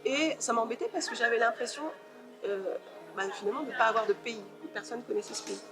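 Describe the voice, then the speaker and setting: A woman novelist answering interview questions in a thoughtful way, pausing often to search for her words. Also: fairly high pitch, music in the background.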